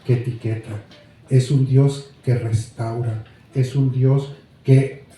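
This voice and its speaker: A man's voice: mid-range voice, flat delivery, slow pace, mellow, slight background noise. A male preacher, telling a parable in a sermon and putting questions to the congregation. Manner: dramatic, addresses the congregation with questions. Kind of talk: sermon storytelling. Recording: very echoey room.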